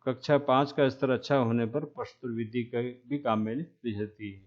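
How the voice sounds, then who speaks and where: A man lecturing trainee teachers, speaking slowly and repeating key terms, with frequent checks that the class is following. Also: mid-range voice, fairly even intonation, highs cut off. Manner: asks "है ना?" to check understanding.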